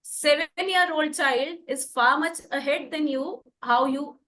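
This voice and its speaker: A woman with a high voice and an Indian accent leads an informal group discussion. She speaks directly to the participants as their host. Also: unhurried, fairly bright tone, slight background noise. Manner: asks rhetorical questions. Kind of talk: casual group talk addressed to participants.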